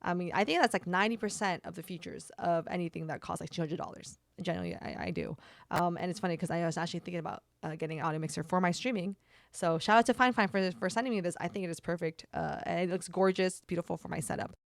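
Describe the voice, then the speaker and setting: A woman's voice: lowish voice, fast, vocal fry, dry recording. A young woman, a streamer, chatting through a casual product review with lots of fillers and an upbeat manner. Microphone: desk microphone.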